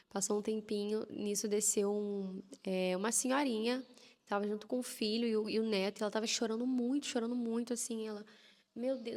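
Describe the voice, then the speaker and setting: A woman from Rio de talks quickly in a fairly high voice, animated as she acts out her story. Her voice carries a long reverb. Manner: animated, lively retelling with quoted prayers and laughs. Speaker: guest telling a personal testimony. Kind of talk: casual conversational storytelling.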